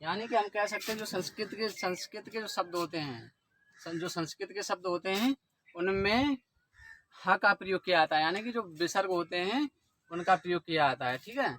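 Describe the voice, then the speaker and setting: A man's voice: high voice, animated, normal speed, sharp tone, no echo. A man teaching an exam-prep lesson, explaining step by step and often putting questions to the viewers.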